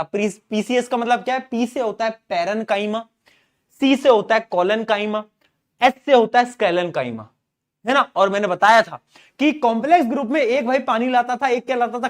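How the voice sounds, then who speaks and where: A man teaching an online science class in speech, asking students questions and using stories as memory aids, often clearing his throat. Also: very high-pitched. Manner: asks students questions, uses story mnemonics.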